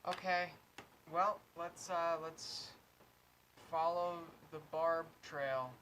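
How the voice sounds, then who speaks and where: A woman playing a tabletop game, talking quickly and asking questions, often trailing off mid-thought. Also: lowish voice, fairly even intonation, a bit bright. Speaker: player. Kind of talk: casual tabletop play. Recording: noisy stream audio.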